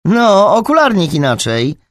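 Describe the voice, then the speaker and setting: A man voicing a scornful, spiteful schoolgirl who mocks her classmates, in a high sneering voice. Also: sing-song, moderate pace, vocal fry, no room sound, clean studio sound, full character voice. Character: mocking, spiteful schoolgirl bully.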